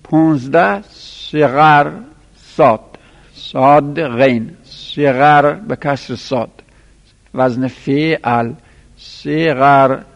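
A man teaching a class, counting out items one by one and spelling their letters slowly for students to write down. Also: mid-range voice, fairly even intonation, vocal fry. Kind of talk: classroom lesson dictating Arabic verbal nouns. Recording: lo-fi recording in a reverberant room.

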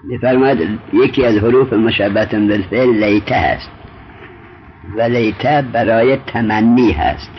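This man's voice is fairly low, heard over slight background noise in a muffled lo-fi recording. He walks through traditional Arabic grammar methodically, testing his student as he proceeds.

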